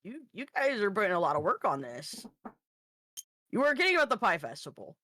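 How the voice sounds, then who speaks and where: A woman playing a tabletop game, speaking in a playful, excitable way. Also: mid-range voice, fairly quick, no room sound. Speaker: player. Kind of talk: tabletop game role-play.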